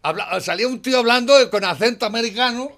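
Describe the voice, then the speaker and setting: A middle-aged man from Spain with a Spanish accent, ranting hard in a political chat show. His voice sits high and sounds bright and sharp. He swears freely, tags a questioning "eh" onto his lines, and swings from muttering to shouting. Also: fast.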